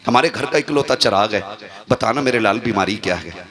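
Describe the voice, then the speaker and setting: A man voicing a grieving father who begs his only son to speak, in a low, heavy voice, recorded at a live gathering. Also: expressive, fairly quick, crowd noise, close to an everyday voice. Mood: imploring.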